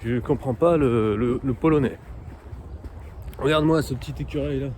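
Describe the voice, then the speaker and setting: Man vlogging outdoors, mellow voice. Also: medium pitch, slight background noise. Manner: hesitant, many fillers, sounding out foreign words slowly. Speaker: vlogger learning Polish. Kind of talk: casual walking vlog. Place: outdoor park in cold weather.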